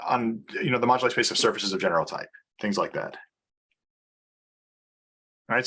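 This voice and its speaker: A man's voice: medium pitch, fairly bright tone. A man giving an informal research seminar talk on mathematics over a video call, hesitant, with many fillers and restarts. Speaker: mathematics lecturer.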